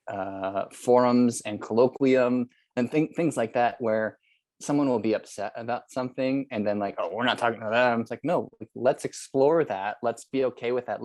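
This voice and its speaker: Thoughtful American professor, dry close sound. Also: male voice, on the low side, a little mellow, no echo. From United States. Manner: thoughtful, many restarts and fillers, acts out quoted voices. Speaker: psychology professor, podcast guest. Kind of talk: casual interview talk.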